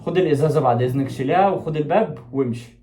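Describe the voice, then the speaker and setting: A man's voice: fairly high pitch, rapid-fire, over music. A young man with an Egyptian Arabic accent hosting a casual prank vlog at home, teasing his sister with mock anger. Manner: teasing, animated, swings from mock anger to laughter.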